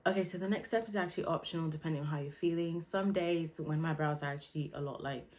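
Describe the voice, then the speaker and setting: A young woman chatting casually through a makeup tutorial, relaxed and loose, with lots of fillers. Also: deep voice, fast talker. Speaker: beauty vlogger.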